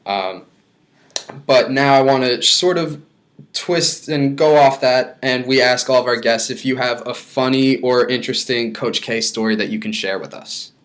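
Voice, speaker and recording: A man hosting a podcast, asking interview questions in a friendly, slightly halting way. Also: medium pitch, a bit bright. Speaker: podcast host. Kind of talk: interview questions and casual chat.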